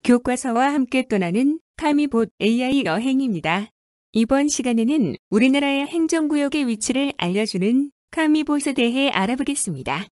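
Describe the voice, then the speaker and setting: A woman teacher giving a clear, scripted coding lesson narration. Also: sits high, normal speed, no room sound, studio quality. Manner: clear, even, instructive.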